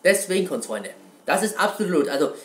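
A man's voice: sits high, sing-song, fairly quick, roomy sound. A man giving a casual, rambling video reply about a video game, who keeps addressing his viewers as "Kunstfreunde" and swears casually. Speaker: gaming video host.

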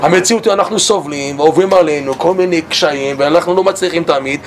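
Animated man teaching Torah, noisy recording. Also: a little high. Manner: animated, stammers and repeats words, laughs while telling stories.

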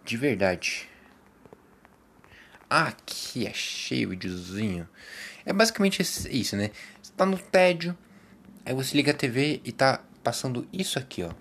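Brazilian man rambling with jokey asides. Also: medium pitch. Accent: Brazilian Portuguese. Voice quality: animated, jumps into loud mock narrating voices. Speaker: host of a casual talk program. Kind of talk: rambling casual chat with impressions.

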